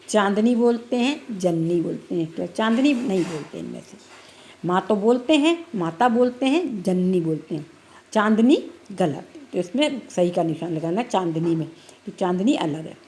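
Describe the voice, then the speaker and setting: Woman teacher, mid pitch, patiently walks through a class lesson, repeating answers. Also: lively intonation, measured pace, a little mellow. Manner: explains step by step, repeating answers.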